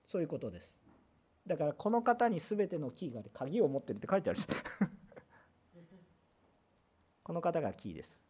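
Pastor mid-sermon: animated and emphatic, pitch rising and falling widely, loud bursts and rhetorical questions. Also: a little fast, pauses often, breathy edge.

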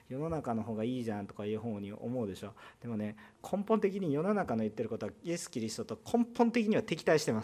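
A man with a Kansai Japanese accent preaches a sermon in a church. His pitch swings widely as he talks, and he keeps it conversational, using rhetorical questions and quick asides to the congregation. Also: warm tone. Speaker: pastor.

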